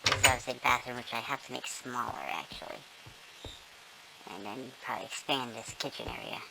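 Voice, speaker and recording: A gamer touring their build talks through a voice-morphing filter that makes them sound squeaky and small, like a squirrel, rambling casually with lots of ums and self-corrections. The delivery is brisk and steady in tone, with vocal fry. There's noise in the background.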